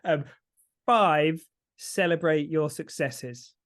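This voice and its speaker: Here a slightly high-voiced man talks slowly on the sober-living podcast he co-hosts. The coaching comes out as casual, meandering chat full of self-interruptions.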